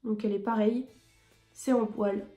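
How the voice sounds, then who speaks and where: A woman's voice: mid-range voice, fairly even intonation, normal speed, dark tone, soft background music. Chatty woman beauty vlogger, echoey room. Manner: chatty, enthusiastic, frequent hesitations. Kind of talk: casual product review.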